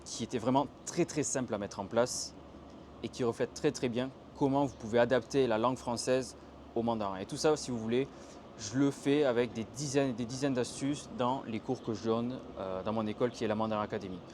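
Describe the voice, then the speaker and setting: A man's voice: mid-range voice, fairly quick, a little hiss or hum. A young man from France teaching Mandarin tones in a casual, chatty outdoor video lesson, acting out the intonations he describes. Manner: chatty, animated demonstrations of intonation. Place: outdoors by a canal in a Chinese city. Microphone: handheld tripod camera.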